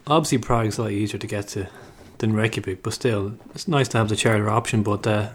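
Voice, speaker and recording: A man's voice: fairly low pitch, fast talker, slight background noise. An Irish man co-hosting a casual podcast chat with a wry, teasing manner. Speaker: podcast co-host.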